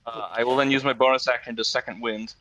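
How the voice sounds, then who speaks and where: A man's voice: medium pitch, steady tone, fast, pushed and bright, poor audio. A man playing a tabletop game over an online call, hesitant and full of fillers. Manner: hesitant, filler-heavy, sheepish. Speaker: player. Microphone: online call microphone.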